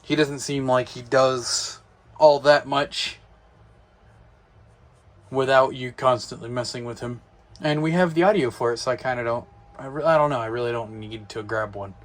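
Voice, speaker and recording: A man of ordinary pitch chats casually in a room late at night. He rambles, trips over his words, and tosses in the occasional swear word. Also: normal speed. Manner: rambling, swears, many restarts. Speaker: toy robot collector vlogger. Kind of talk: casual chat.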